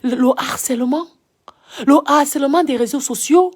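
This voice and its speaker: A woman's voice: sits high, moderate pace, darkish tone. A woman with a Cameroonian French accent, scolding her audience in an impassioned monologue full of repeated rhetorical questions. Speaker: social media commentator. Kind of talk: impassioned live-video monologue.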